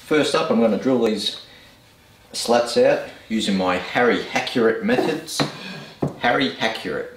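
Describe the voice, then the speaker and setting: A man in his thirties with an Australian accent explains his woodworking project in plain, laid-back language from his home workshop. His voice is medium-pitched and unhurried, picked up by a camera mic a few steps away, so it sounds distant and echoey with slight background noise.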